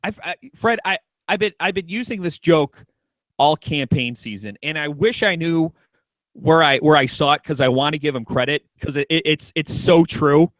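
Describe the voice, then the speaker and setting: A man's voice: on the high side, normal speed, fairly bright tone, dry recording, rough recording. A man hosting a talk radio show in casual chat, joking around and restarting his sentences a lot. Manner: joking, lots of restarts and stammers.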